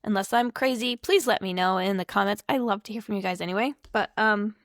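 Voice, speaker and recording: A woman's voice: medium pitch, fairly quick, no room sound, clean studio sound. A woman reading tarot cards to camera in a loose, rambling, apologetic way, full of asides. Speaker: tarot reader.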